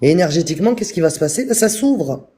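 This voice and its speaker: A man giving a calm, repetitive spiritual talk on a live stream, speaking straight to his viewers. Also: fairly high pitch, fast talker, breathy edge. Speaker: spiritual teacher.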